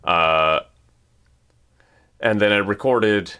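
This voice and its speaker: A man's voice: lowish voice, very slow, background noise. A man giving casual commentary on his own music project, rambling with many restarts and hesitations. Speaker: music creator.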